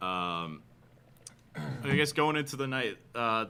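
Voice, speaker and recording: A man co-hosting a baseball fan livestream, excitable and quick to laugh. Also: medium pitch, gravelly, clear, resonant tone. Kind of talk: casual fan chat.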